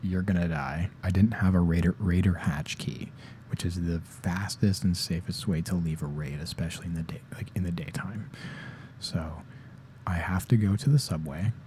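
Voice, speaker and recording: A young man rambling softly in a casual ASMR chat, sleepy and tired-voiced, often dropping into whispers. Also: low voice, fairly even intonation, normal speed, slight background noise. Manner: rambling, slips into whispers, self-deprecating. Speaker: ASMR creator. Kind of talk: soft-spoken ASMR ramble.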